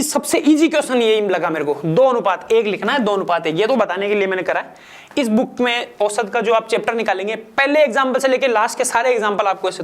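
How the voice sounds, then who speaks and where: A man coaching exam candidates, walking through math questions step by step, asking and answering his own questions in a casual, repetitive classroom manner. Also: very high voice. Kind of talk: step-by-step math problem walkthrough.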